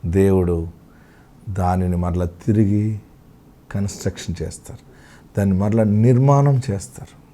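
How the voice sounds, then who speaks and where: A man's voice: sits low, steady tone, unhurried, pauses often, mellow. A man preaching a devotional sermon as a pastor, in an impassioned, repetitive style that voices his listeners' laments. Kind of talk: devotional sermon on a scripture promise.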